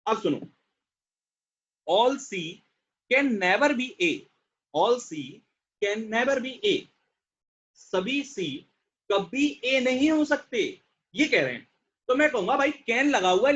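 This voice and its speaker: A man's voice: sits high, a bit bright. A young man teaching reasoning in an online exam-prep class. He talks chattily, keeps asking his students rhetorical questions and mixes English terms into his explanations. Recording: dull lo-fi audio.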